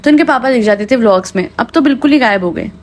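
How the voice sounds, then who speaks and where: A woman's voice: on the high side, expressive, fast. A woman with a Punjabi-tinged Hindi accent hosting a podcast, sarcastic and often laughing, mixing in English. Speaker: podcast host. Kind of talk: mocking commentary podcast.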